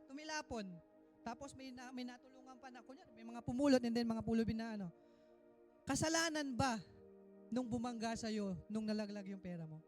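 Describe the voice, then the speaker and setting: A male minister preaching a sermon with emphasis, swinging between loud exhortation and quiet asides. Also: very high voice. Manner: emphatic preaching, mixing Tagalog and English.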